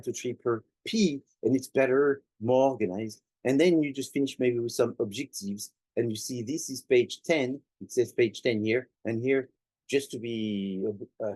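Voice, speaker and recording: A man's voice: mid-range voice, dark tone, no echo, low-quality recording. A man lecturing students as a professor, speaking conversationally and repeating points for emphasis.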